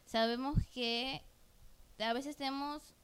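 Smooth-voiced woman talking openly. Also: high-pitched, fairly even intonation, takes it slowly, a bit bright. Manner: earnest, open and personal, long rambling turns. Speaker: podcast co-host. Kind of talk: candid conversational podcast.

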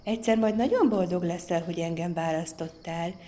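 A woman voicing a sweet, gentle little female frog who coaxes a prince. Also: lowish voice, lightly acted. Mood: coaxing.

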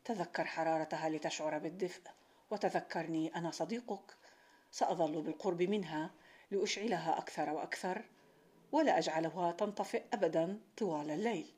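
A woman voicing a calm, wise old sheikh. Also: fairly low pitch, a little fast, husky. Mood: reassuring. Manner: calm, reassuring.

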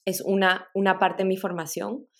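A middle-aged Peruvian woman, a tech product director, is a guest on a podcast interview, thoughtfully telling her life story with small laughs and restarts. Her mid-range voice moves little in pitch and keeps a moderate pace, with a mixed Latin American Spanish accent.

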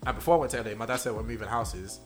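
A man's voice: on the low side, steady tone, soft background music. A man co-hosting a podcast, chatting casually and telling stories full of slang. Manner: fast, chatty storyteller using slang. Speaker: podcast co-host. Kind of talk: casual chat.

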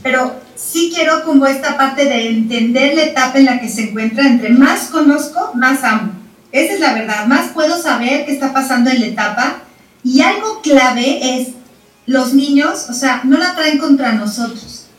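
A woman explaining child development in a lively chat, repeating words for emphasis and acting out parents and children. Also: high-pitched, normal speed. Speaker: parenting expert guest. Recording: roomy sound from a distant mic.

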